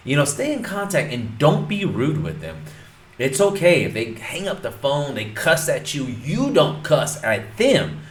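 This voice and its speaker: A man's voice: fairly high pitch, big pitch swings, a little slow. A man coaching viewers in a casual instructional video, talking emphatically and repeating his points straight at the audience. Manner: emphatic, repetitive, addresses viewers directly. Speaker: real estate coach. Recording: roomy echo.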